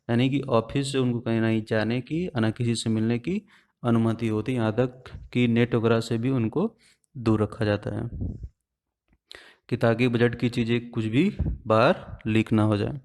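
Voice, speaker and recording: Speaking at an ordinary middle pitch, this male teacher works through an exam-prep lesson step by step. He frequently poses a question to the class, then answers it himself. His voice is a little mellow.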